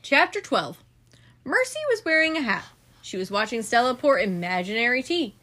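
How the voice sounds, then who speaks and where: Animated mother reading a bedtime story. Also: a little high, normal speed. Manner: animated, expressive. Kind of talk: storybook read-aloud.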